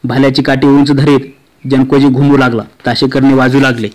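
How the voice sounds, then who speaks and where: A man reading a historical novel aloud in a steady, unhurried manner. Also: mid-range voice, poor audio. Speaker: audiobook reader.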